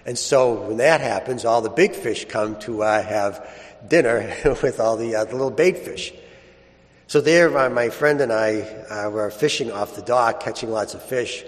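A male preacher speaks at a middling pitch in a big, echoing church. Long cathedral-style reverb trails his words as he addresses a congregation in the manner of a clergyman. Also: measured pace. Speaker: priest or deacon preaching. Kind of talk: solemn scripture reading and conversational sermon.

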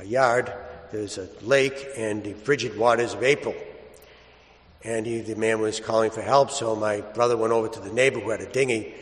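A man, a priest, reading the gospel and preaching in a large church, telling stories plainly with some restarts. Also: mid-range voice. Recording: long church reverb.

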